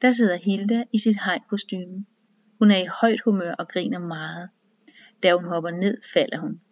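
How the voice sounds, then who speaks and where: A woman narrating a story in an even, measured reading voice. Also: fairly low pitch. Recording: dull, dry lo-fi recording.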